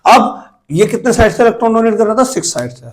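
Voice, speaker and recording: A man's voice: very high voice, expressive, quick pace, poor audio. A man teaching a chemistry lesson to students, asking them questions and counting aloud as he works. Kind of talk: classroom lecture.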